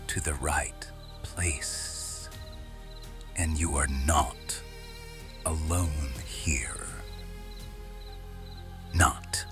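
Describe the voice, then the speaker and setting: A man with a very deep voice performs a quiet, watchful serpent shifter guardian in an intimate ASMR roleplay, fully in character. He speaks in a hushed, deliberate way and often drops into whispers.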